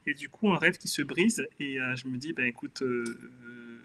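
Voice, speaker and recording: A man from Benin, an author appearing as a guest in a casual interview, tells his own life story earnestly and reflectively in a Beninese accent. His voice is medium-pitched and sharp in tone, at a normal speed.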